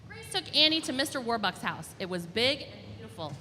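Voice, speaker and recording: A woman storyteller with a rather high voice reads a children's storybook aloud, expressive and deliberate. The reverberant hall she's in carries faint background noise.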